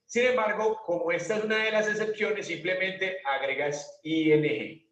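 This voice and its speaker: High-voiced man teaching English grammar. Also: normal speed, fairly bright tone. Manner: explains step by step, asks and answers his own questions. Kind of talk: classroom grammar lesson. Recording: roomy, distant, dull classroom recording.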